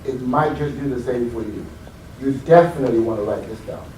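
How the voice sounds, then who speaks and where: A man's voice: medium pitch, a little fast, mellow, slight background noise. A man giving a live motivational talk, telling stories and prompting his audience with questions. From United Kingdom. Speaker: motivational speaker. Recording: echoey hall, voice from far off.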